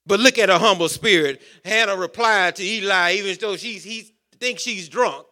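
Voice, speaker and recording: A man preaches in with a high, bright voice. He builds his points through rhythmic repetition and calls out questions to the congregation. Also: moderate pace. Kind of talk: sermon.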